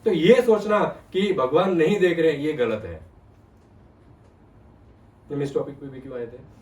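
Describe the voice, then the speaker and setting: A man's voice: a little high, unhurried, slight background noise. A man giving a devotional discourse, retelling scripture and asking his listeners questions. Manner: animated, asks the audience questions. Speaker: spiritual storyteller. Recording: roomy sound from a distant mic.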